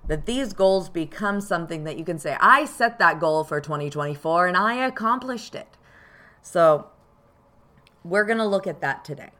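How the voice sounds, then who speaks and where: A woman's voice: lowish voice, expressive, moderate pace, sharp tone. A woman hosting a podcast as a card reader, explaining things informally and directly to her listeners.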